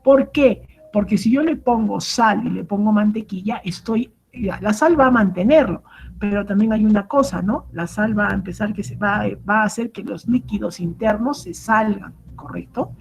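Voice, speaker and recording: A woman's voice: mid-range voice, moderate pace, vocal fry, darkish tone, low-quality recording. A woman giving an online cooking lecture, explaining step by step and often checking in with the class. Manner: explanatory, keeps asking "¿correcto?" and "¿no?"; many fillers and restarts. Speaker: culinary instructor.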